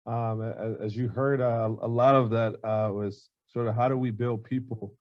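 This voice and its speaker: Halting male moderator, losing his voice. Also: medium pitch, fairly even intonation, dry recording, muffled recording. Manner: halting, heavy use of fillers. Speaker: panel moderator. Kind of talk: moderating a panel discussion. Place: event hall.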